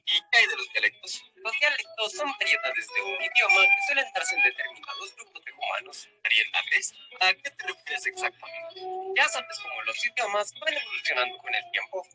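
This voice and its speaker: A performer voicing non-human beings in an animated educational video, trading playful questions about how humans act and talk. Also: mid-range voice, normal speed, poor audio. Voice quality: playful, questioning back-and-forth. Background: background music.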